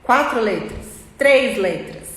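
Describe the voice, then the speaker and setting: Brazilian woman, English teacher, patient step-by-step explainer, slightly high voice, echoey roomy sound with long reverb. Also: animated, slow pace, a bit bright, slight background noise. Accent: Brazilian Portuguese. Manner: patient, explains step by step, repeats key points. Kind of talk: informal online English lesson. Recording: echoey room with long reverb and faint ambience.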